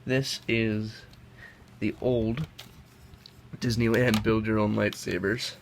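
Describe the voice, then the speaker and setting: The man speaks slowly in a lowish, flat voice. Young, sick, and sniffling, he reviews toys at an indoor table, chatting and rambling with self-corrections as he compares them by hand. A camera mic off-screen above the table records him, and the home recording is noisy.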